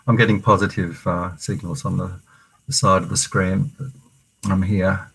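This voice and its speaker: Husky deep-voiced man teaching meditation. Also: rough recording. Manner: halting, many fillers and restarts, gentle. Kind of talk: online meditation class introduction. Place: room at a meditation centre.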